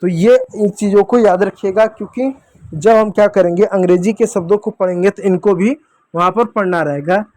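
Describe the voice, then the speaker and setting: Man, high voice, patient kids' teacher, dry close sound. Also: normal speed, a little mellow, no room sound. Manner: patient, repeats points, addresses kids often. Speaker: English teacher. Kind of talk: classroom lesson for kids.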